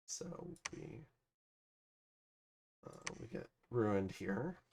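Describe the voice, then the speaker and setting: Heavy background noise surrounds a man's lowish, gravelly, expressive voice as he talks very slowly. A gameplay commentator, he casually thinks aloud through his strategy game turns in let's-play fashion, with many fillers.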